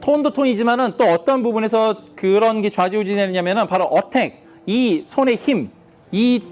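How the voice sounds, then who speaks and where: A man with a high voice teaches a guitar lesson. He explains step by step and puts questions to his students. He counts the beats out loud while faint guitar plays behind him.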